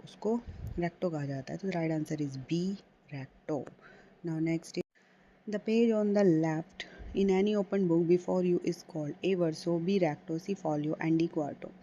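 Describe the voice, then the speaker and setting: A woman goes through an exam quiz option by option, in a low, mellow voice. She reads the questions out slowly and explains them more quickly in Hindi. The recording is dull and lo-fi, with a faint hiss behind her. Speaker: exam prep teacher. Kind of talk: quiz-style lesson reading out multiple-choice answers.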